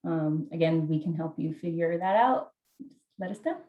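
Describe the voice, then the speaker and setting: A woman's voice: low-pitched, expressive, moderate pace, narrow, tinny audio. Helpful woman on a roomy video call. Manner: helpful, repeats key steps. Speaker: financial aid officer. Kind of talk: casual video-call Q&A answers.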